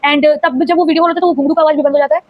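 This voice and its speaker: A young woman races through a spooky personal storytime in a high voice, piling up repeated phrases for emphasis. The sound is dry and close, a little dull, as if from a modest home recording. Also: steady tone, rapid-fire, no echo. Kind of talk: casual storytime.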